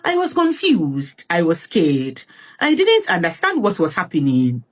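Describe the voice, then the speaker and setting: A woman voicing a soft-spoken young woman, a devoted co-wife, who talks softly and sweetly. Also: fairly low pitch, huge pitch swings, unhurried, full character voice. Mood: soft serene.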